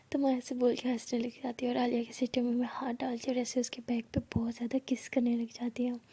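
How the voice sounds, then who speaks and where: High breathy young woman storyteller. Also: flat delivery, a little fast, a little mellow. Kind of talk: first-person love story narration.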